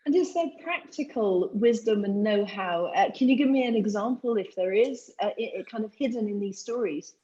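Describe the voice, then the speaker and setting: A woman's voice: medium pitch, lively intonation, moderate pace, hardly any pauses, dark tone, lo-fi sound. A woman who grew up in Britain hosts the webinar and asks the guest curious questions, with some hesitant restarts. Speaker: webinar host. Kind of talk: interview hosting.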